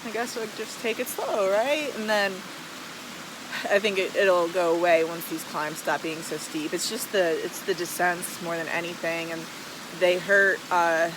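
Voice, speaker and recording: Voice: medium pitch, fairly even intonation, background noise. An American hiker recording a casual, rambling video diary outdoors beside falls, hesitating and saying "like" often. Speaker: vlogger, long-distance hiker. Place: outdoors beside rushing waterfall. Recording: loud rushing water behind voice.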